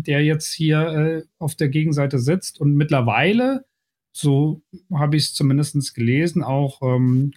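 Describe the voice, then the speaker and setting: Man, slightly high pitch, podcast participant, informal explaining. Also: a little mellow. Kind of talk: casual explanatory discussion.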